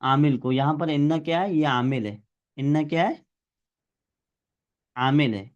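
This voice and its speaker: A man's voice: a little high, a little slow, dull audio. A male teacher giving a classroom grammar lesson, explaining step by step and quizzing his students.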